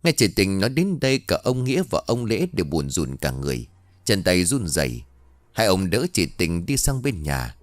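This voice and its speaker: A man narrating a somber story in an expressive storytelling voice. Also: low-pitched, normal speed, no echo, clean studio sound.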